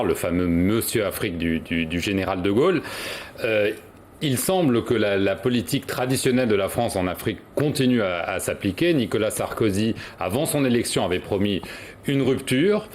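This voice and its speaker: Low-voiced man stumbling through analysis. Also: a little hiss or hum. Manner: hesitant, stumbles over and repeats words while explaining. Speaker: studio commentator, journalist. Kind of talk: news analysis.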